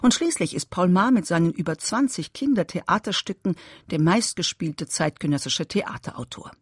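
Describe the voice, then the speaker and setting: A narrator reading a scripted radio feature in a measured, even way. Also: mid-range voice, slightly rough, no echo, studio quality.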